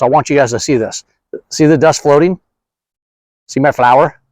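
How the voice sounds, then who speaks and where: A man's voice: mid-range voice, darkish tone, no room sound. Chatty man demoing pest control. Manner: chatty, joking, direct to the viewer. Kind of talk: casual how-to demonstration.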